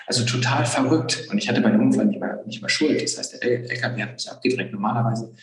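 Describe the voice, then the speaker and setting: A man's voice: fairly low pitch, fast, soft background music. A young man telling his personal story in an interview, earnest and reflective, with many fillers. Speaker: guest. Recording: roomy echo.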